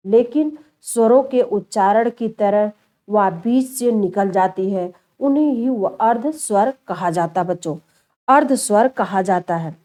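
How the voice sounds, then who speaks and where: A woman's voice: mid-range voice, a little slow, warm tone. A female teacher giving a step-by-step lecture, repeating key terms and addressing her students as children. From India. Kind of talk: classroom lecture.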